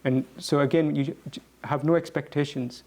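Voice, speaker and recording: A man speaking reflectively as a guest answering questions, earnest and halting, often repeating words as he goes. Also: on the high side, steady tone, darkish tone.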